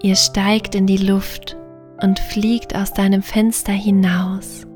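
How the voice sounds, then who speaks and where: Very slow, soothing woman sleep story narrator. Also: mid-range voice, little pitch movement, faint music behind. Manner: soothing, gentle sleep story delivery, partly breathy near-whisper. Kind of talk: slow guided relaxation and bedtime story narration.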